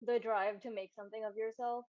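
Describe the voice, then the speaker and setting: A woman's voice: fairly high pitch, level tone, a little fast, dry recording. A young woman storyboard artist answering interview questions candidly, with many "like" fillers, over a video call. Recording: dull dry sound.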